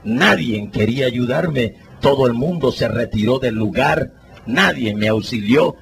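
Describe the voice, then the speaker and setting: A man giving a dramatic spoken testimony as a preacher, telling it earnestly and rising into anguished pleading shouts. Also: medium pitch, lively intonation, a little slow, gravelly, slight background noise.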